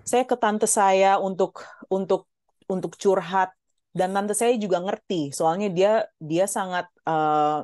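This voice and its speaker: A woman's voice: mid-range voice, takes it slowly, darkish tone, no room sound, clean studio sound. Heartfelt woman sharing a faith testimony. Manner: heartfelt, mixes English phrases into Indonesian, often calls out "ladies". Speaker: guest speaker.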